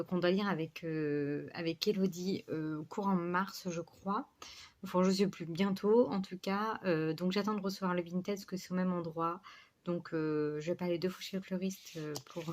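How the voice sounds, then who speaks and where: A woman's voice: lowish voice, darkish tone. Rambling woman vlogger with a slight lisp. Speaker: book vlogger. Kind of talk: casual vlog chat.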